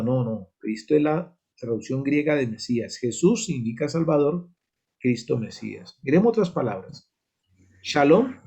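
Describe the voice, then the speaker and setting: With a dark, husky, medium-pitched voice, a Colombian Spanish-accented man teaches a church Bible study. He explains things step by step and keeps asking "¿sí?" to make sure his class is following.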